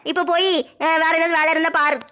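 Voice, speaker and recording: A woman's voice: very high voice, flat delivery, bright, forceful tone, pitched below the performer's own voice. A woman voicing a bossy, scolding older mother-in-law in a comedy skit. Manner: brisk, scolding.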